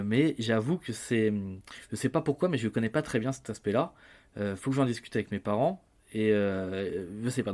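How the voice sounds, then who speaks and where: A man's voice: fairly low pitch, a little mellow. A man in his thirties from France, a podcast guest telling his family story in a casual, hesitant way with many filler sounds and restarts. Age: 30s.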